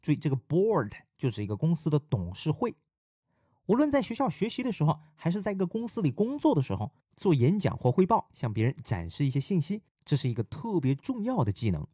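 Lively Chinese man teaching English vocabulary. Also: a little high, brisk, dry recording, studio quality. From China. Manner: lively, explanatory. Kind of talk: vocabulary lesson.

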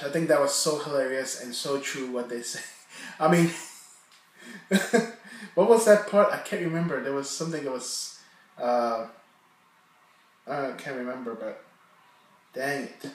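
A man talks loosely to his viewers at a middle pitch, trailing off and restarting his thoughts. He sits well back from the microphone in a very echoey room. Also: normal speed, pauses often, a little hiss or hum. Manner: rambling, hesitant, many fillers and restarts. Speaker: reaction channel host. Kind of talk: casual reaction commentary. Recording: echoey room, distant from the mic.

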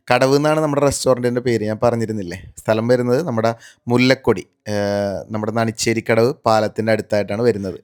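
A man's voice: medium pitch, clean tone. A man from narrates a vlog voice-over in Malayalam sprinkled with English words. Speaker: vlogger.

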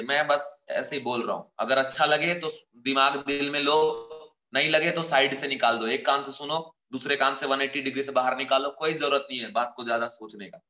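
A man teaching chemistry in an online exam-prep lecture, chatty and coaxing, a bit unwell and slower than usual. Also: fairly high pitch, pushed and bright, reverberant, rough recording. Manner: chatty, scolding yet encouraging, addresses students as kids. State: unwell, speaking slower and softer.

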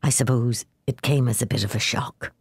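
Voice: medium pitch, steady tone, moderate pace, husky, dry recording, studio quality. A reader voicing a stern older father who speaks in a snappish, peremptory way. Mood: sly. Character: stern older Irish father, gruff then sly.

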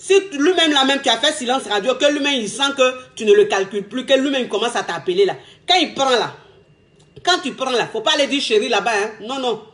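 A woman's voice: on the high side, brisk. A woman, giving emphatic, casual relationship advice as a coach. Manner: lively, emphatic, repetitive, laughing often.

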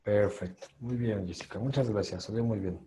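A man leads an online pronunciation class. His voice is dark and mellow as he repeats each sound slowly and patiently. He praises students warmly after each try. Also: lowish voice. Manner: patient, encouraging, drills sounds by slow repetition. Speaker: English pronunciation teacher.

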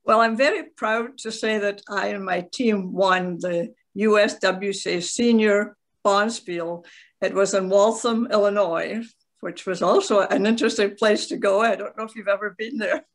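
An older woman from Scotland, telling stories in a halting, rambling way on a video call from her tablet at home. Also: mid-range voice, fairly even intonation. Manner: rambling, halting, with frequent restarts and soft laughs. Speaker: interviewee, veteran curler. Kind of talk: casual video call interview.

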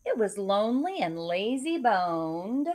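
A teacher in her forties reads a rhyming picture book aloud into a webcam from her home living room. Her medium-pitched voice is sing-song and expressive, and she takes it slowly.

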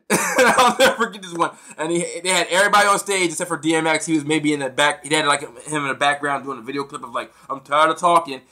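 A man co-hosting a music podcast in casual chat, excitable and rambling, with many restarts and fillers. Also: on the high side, fast talker. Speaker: podcast co-host.

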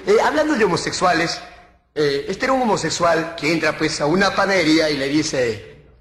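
A man's voice: animated, fairly quick, a bit bright, echoey room. A man, telling bawdy jokes in a live comedy set and putting on voices for the characters. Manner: bawdy storyteller who puts on high voices for characters. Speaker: stand-up comedian.

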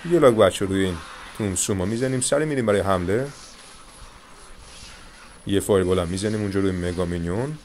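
A young man with a fairly low voice talks viewers through a mobile card battle game, calm and instructive as he explains each play. A faint hiss of noise sits under the recording. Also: long pauses. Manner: coaching viewers, calm reassurance. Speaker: gaming channel host. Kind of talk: live gameplay commentary with tips.

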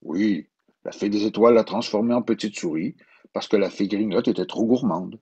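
Man doing a jolly old bearded shopkeeper, hearty and teasing, quebec french accent, bit husky. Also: on the low side, moderate pace, mellow, highs cut off.

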